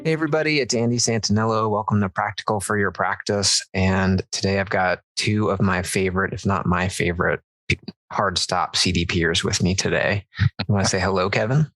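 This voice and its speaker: A man hosting a podcast in casual chat, relaxed and laughing often, restarting his sentences. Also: low voice, fairly quick, no echo, soft background music, poor audio. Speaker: podcast host.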